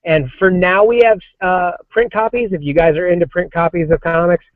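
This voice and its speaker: A man in his forties with a fairly high voice and even intonation rambles at a normal pace, full of restarts and fillers. He's a comics creative director appearing as a guest on a casual podcast interview, and the recording is dry, dull, and lo-fi.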